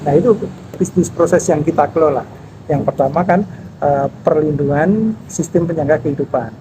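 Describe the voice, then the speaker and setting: A man in his fifties, head of a national park office, answering interview questions in a measured, explanatory way with frequent pauses and fillers. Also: on the high side. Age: 50s. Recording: noisy background with passing vehicles.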